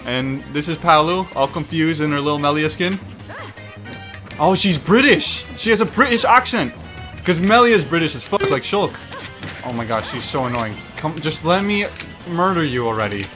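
Animated high-pitched man commentating on games. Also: normal speed, music in the background. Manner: animated, exclamatory, heavy casual swearing. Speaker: gaming streamer. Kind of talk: excited casual video game commentary.

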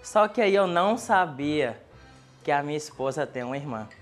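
A man doing stand-up storytelling on a TV show, animated and building comic tension. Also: fairly high pitch, moderate pace, soft background music. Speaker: stand-up comedy contestant. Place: TV studio.

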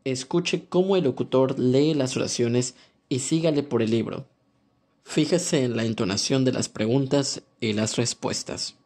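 A man reading an audiobook language lesson aloud in a calm, measured instructional way. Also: medium pitch. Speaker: language course narrator. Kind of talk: scripted audiobook narration.

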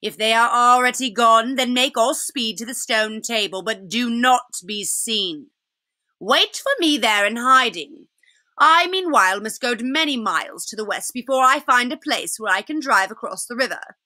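Icy bossy witch queen, a lady doing her, higher and sharper, barks clipped orders. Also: animated, normal speed, bright, forceful tone, no echo. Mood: commanding. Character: cold imperious queen witch, cruel and commanding.

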